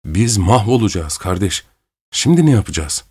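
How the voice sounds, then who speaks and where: A man's voice: on the low side, very animated, moderate pace, a little mellow, breathy edge, no echo, clean studio sound. A man voicing a timid, frightened young male peasant in a storybook reading, with a pleading, trembling delivery.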